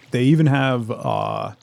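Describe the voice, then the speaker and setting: Young guy streaming, gravelly voice, just chatting away with chat, laughs a lot. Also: medium pitch, darkish tone. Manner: chatty, reads and answers chat, laughs often. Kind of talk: casual live-stream chat while gaming.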